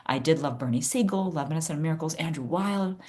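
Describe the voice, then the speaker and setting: A woman in her fifties who grew up in Chicago, a guest neurologist telling her story in an earnest podcast interview, quick to laugh. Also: low voice, a little mellow. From United States (Chicago). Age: 50s.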